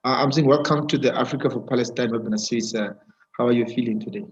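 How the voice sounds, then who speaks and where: A man with a medium-pitched voice hosts a live webinar interview, talking haltingly with many fillers and restarts. He's heard over an online video call with a weak connection, and the audio is dull and muffled.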